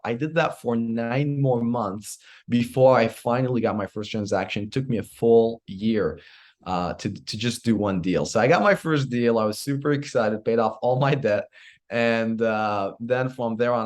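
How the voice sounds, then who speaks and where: A man's voice: mid-range voice, darkish tone. A man in his twenties from Iraq, a podcast guest telling his story with energy and earnest drive. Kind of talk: storytelling interview answer.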